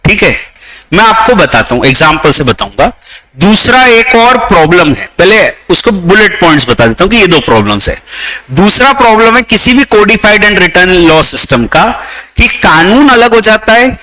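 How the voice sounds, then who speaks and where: A man's voice: sits high, sing-song, unhurried, bright, forceful tone, rough recording. A man with an Indian accent teaching a class, explaining law through examples and switching between Hindi and English. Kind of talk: classroom lecture.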